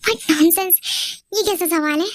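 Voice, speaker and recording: A woman's voice: extremely high pitch, slow pace, dry recording, studio quality. A woman voicing a defensive young woman who answers her jealous boyfriend in an exasperated way.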